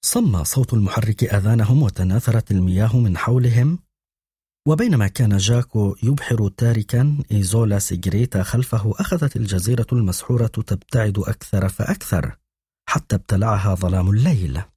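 Male audiobook narrator, very husky and dark, dry close sound, measured reading. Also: fairly low pitch, dry recording. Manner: measured storytelling. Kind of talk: scripted narration.

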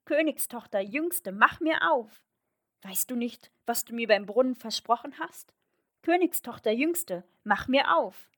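A woman voicing an insistent, wheedling male frog in a fairy tale, reading at a slow pace with her voice lifted. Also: medium pitch, close to an everyday voice. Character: pleading pushy male frog by a well. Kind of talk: storybook reading.

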